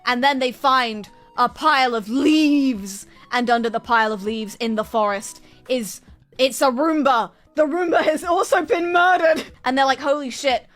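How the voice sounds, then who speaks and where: A woman streamer chattering rapidly and nonstop, retelling a story in an animated, exasperated and dramatic way. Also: sits high, faint music behind. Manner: exasperated, incredulous, dramatic retelling with acted-out quotes. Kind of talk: animated rambling storytelling to an audience.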